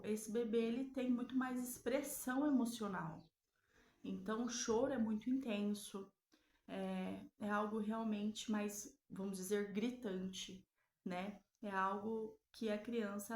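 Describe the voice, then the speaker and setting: A woman's voice: mid-range voice, gravelly, a little mellow, roomy sound. A woman, teaching a recorded lesson on child development, explaining patiently and often checking in with her listeners. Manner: explanatory, frequent tag questions, drawn-out pauses.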